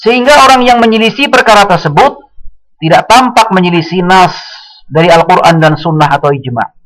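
A man giving a religious study lecture, speaking in a measured way and quoting Arabic passages. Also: sits high, a bit bright, poor audio. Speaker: Islamic teacher.

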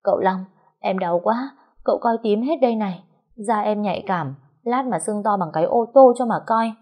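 A woman's voice: medium pitch, moderate pace, warm tone, pitched above the performer's own voice, lightly acted. Woman voicing a whiny, sly young woman. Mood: whining. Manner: whiny, sobbing pleading.

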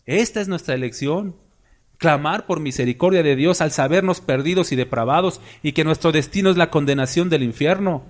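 A man's voice: a little high, fairly quick. Emphatic preacher man. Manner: emphatic, rhetorical questions to the congregation. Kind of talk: sermon.

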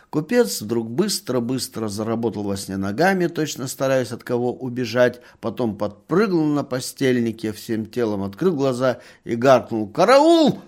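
A man's voice: mid-range voice, a little mellow. Man reading a story expressively. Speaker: narrator. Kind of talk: literary audiobook reading.

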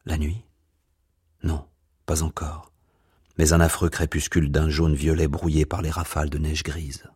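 Deep, husky male literary reader. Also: flat delivery, dry recording, clean studio sound. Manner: hushed, measured. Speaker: reader of a novel. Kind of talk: literary reading.

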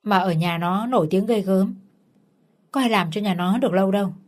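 A woman's voice: mid-range voice, a little fast, a little mellow, natural voice. A woman voicing a frank, gossipy woman who sells medicine. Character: frank, kindly pharmacy saleswoman.

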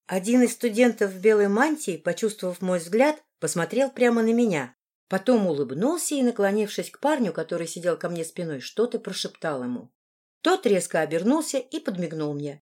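Audiobook narrator: woman, first-person storytelling, steady measured delivery. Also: medium pitch.

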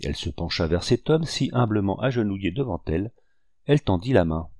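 A man narrating a classic novel in a measured, literary audiobook reading. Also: deep voice, expressive, a little mellow, no echo.

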